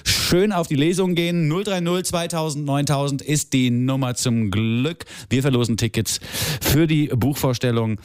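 A man hosting a radio show, brisk and chatty, announcing events and a giveaway. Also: medium pitch, clear, resonant tone, dry recording, clean studio sound. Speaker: radio host.

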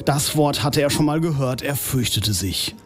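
A man's voice: fairly high pitch, normal speed. Dry, ironic German-storyteller man. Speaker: author reading his story. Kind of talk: humorous story reading, then interview.

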